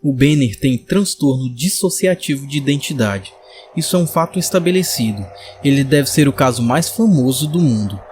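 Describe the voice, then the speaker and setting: A man's voice: medium pitch, animated, moderate pace, darkish tone, slight background noise, close to an everyday voice. Man voicing a hesitant young reporter woman. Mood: probing. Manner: pleading, hesitant. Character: frightened young female journalist, earnest. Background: music.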